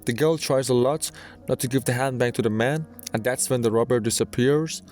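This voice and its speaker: A man delivers scripted narration in the manner of an online countdown video. His voice sits at a middling pitch, with music playing underneath. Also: brisk, darkish tone. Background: background music.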